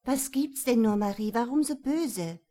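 A woman reading a storybook, voicing a kindly mother who speaks softly to comfort her child. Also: a little high, expressive, measured pace, voice pushed up. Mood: gentle comforting. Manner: soft, soothing. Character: gentle, kindly mother of a little girl.

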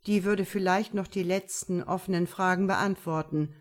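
A woman's voice: on the low side, fairly even intonation, normal speed, natural voice. Woman reading a formal male police investigator. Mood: matter-of-fact.

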